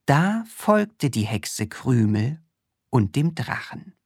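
Slow, husky woman reading a children's story. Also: a bass voice, no room sound, studio quality. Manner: calm, very slow and expressive.

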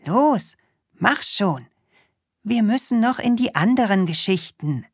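A woman's voice: medium pitch, expressive, slightly rough, no echo, studio quality, pitched above the performer's own voice, heavily acted. A woman voicing a small, cheerful, eager male storybook character who coaxes and hurries the others along. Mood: urging. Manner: pushy and hurried, coaxing.

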